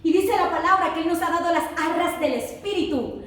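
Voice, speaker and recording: A woman with an extremely high, fairly bright voice speaks a little fast as she leads a call-and-response sermon, insistently urging the congregation to echo her words while they answer. Recorded from a distance in a very echoey church hall, the clip carries a little hiss or hum.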